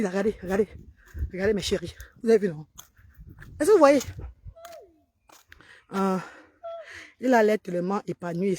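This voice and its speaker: Earnest husky woman on a phone livestream. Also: fairly high pitch, dark tone, no room sound. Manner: earnest, urging other mothers. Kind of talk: casual livestream talk. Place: outdoors in a park.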